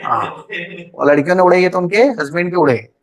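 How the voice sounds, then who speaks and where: A man's voice: high-pitched, a little fast. A middle-aged man teaching an online math class, chatty and joking, teasing his students by name.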